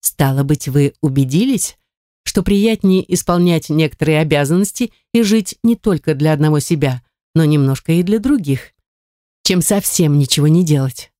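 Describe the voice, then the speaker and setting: A calm, wise mother of four girls, as a woman reader voices her, speaking in a patient, instructive way. Her voice sits fairly low and mellow. The recording is dry and close. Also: moderate pace, no room sound. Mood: gently instructive. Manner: gentle, instructive.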